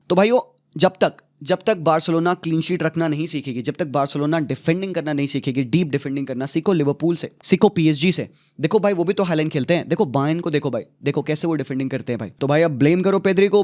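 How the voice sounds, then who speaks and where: A man's voice: on the high side, a little mellow. Fired-up man ranting about football. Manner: passionate, exasperated, mixes Hindi with English, crude slang. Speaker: football channel host. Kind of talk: heated football analysis rant.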